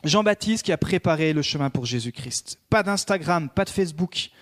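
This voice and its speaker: A man preaching a sermon as a pastor, swinging between emphatic raised peaks and hushed prayerful passages. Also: on the high side, expressive, moderate pace.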